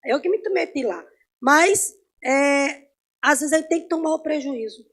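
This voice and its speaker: A woman teaching an informal Bible class in church. She tells personal stories, asks the class questions and swings between loud and soft. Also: sits high, measured pace. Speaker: Sunday school Bible teacher.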